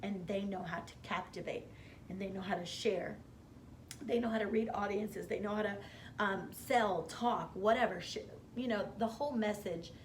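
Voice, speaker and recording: A woman guest, a hair stylist, telling her career story in a casual interview, lively and acting out the voices of people she quotes with gasps. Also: medium pitch, normal speed, slight background noise. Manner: animated, acts out quoted dialogue with gasps.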